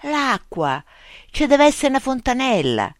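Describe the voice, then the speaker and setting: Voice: sits high, sing-song, unhurried, dry recording, studio quality, voice pushed up. A reader doing an encouraging Roman schoolboy, Cesare. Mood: coaxing. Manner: coaxing, reassuring.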